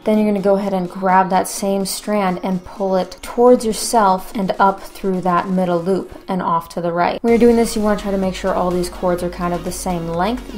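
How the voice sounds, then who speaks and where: A woman's voice: fairly low pitch, darkish tone. A woman narrating a craft tutorial as its host, in an informal, conversational way.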